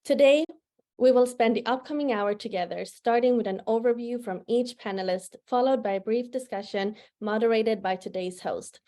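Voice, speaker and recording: A woman with a fairly high, mellow voice reads a prepared welcome address. Her delivery is formal and steady, with each sponsor and introduction set out in order. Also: normal speed. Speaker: museum associate director, event presenter.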